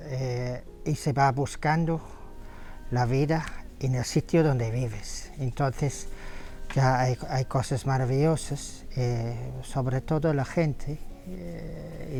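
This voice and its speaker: A man from Australia with an Australian accent, answering interview questions in halting second-language speech full of fillers and restarts. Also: mid-range voice, warm tone. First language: English. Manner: hesitant, many fillers and restarts. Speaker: interviewee, photographer.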